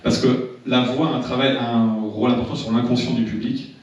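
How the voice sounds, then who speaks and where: French trainer in an echoey room. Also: male voice, medium pitch, fairly even intonation, fairly quick. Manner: many repeated words and restarts. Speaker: public speaking trainer. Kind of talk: seminar talk to a live audience. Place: seminar room. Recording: echoey room, distant mic, dull sound.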